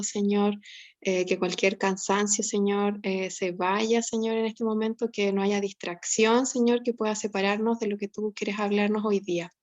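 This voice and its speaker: A woman leads a spontaneous opening prayer, fervent and repetitive, pausing on fillers. Her pitch is mid-range and the audio is a bit dull. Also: darkish tone. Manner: fervent, repeats "Señor" often. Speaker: class participant leading prayer.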